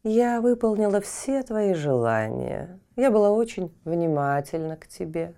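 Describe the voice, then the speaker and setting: A commanding Queen of Night from a fairy tale, put on by a woman storyteller, grave and weighty. She speaks slowly, in a low, mellow voice. Her warnings sound solemn and regal. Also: big pitch swings, exaggerated voice. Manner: stern and commanding, turning coaxing. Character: stern, regal Queen of Night guarding a door.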